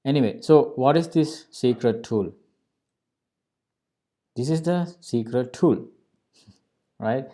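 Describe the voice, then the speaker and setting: Speaking slowly and leaving long pauses, a man with a mellow, mid-range voice and a Sri Lankan accent hosts an SEO tutorial. The informal, step-by-step lesson is dotted with check-ins like "right?" and "okay?"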